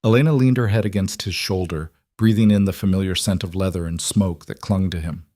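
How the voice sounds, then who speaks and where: A man narrating a scripted audiobook story in a measured, even way on a close mic. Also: low voice, no echo.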